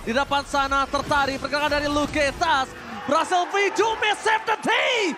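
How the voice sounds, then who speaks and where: An Indonesian man doing live esports play-by-play commentary in an excited, dramatic way. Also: very high voice, moderate pace, crowd noise, noisy background.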